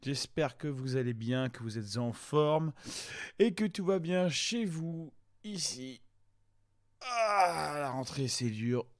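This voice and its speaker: A man's voice: fairly high pitch, animated, slow pace, no room sound, clean studio sound. A man doing casual, exasperated and crude mocking commentary as a video host.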